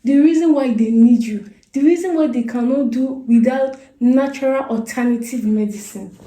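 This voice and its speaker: A woman's voice: fairly high pitch, moderate pace, warm tone, echoey room. A woman interviewer prompting her guest to explain.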